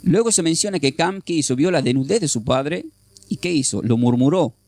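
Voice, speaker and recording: A man's voice: a little high, animated, brisk, darkish tone, dry recording. A man teaching a Bible class, explaining step by step and often checking with his listeners. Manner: repeats and restarts while thinking aloud.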